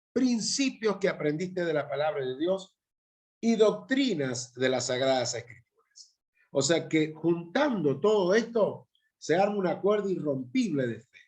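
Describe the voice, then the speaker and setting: Argentine pastor giving an emphatic Bible lecture. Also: male voice, on the high side, expressive, measured pace, a little mellow. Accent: Argentine Spanish. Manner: emphatic, with frequent rhetorical tag questions. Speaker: pastor teaching a Bible class.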